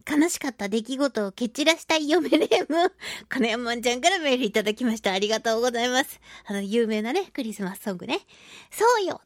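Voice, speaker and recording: On a dry, studio-quality recording, a high-voiced woman hosts a relaxed radio talk show. A radio host and voice actress, she reads listeners' mail aloud and banters with them in a lively, playful way.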